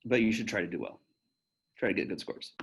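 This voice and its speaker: A man's voice: low voice, expressive, fairly quick, gravelly, a bit bright, husky, rough recording. A man in his thirties, a physician talking casually to pre-med students and answering their questions in a candid, chatty way with plenty of fillers and restarts. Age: 30s. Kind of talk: casual Q&A talk.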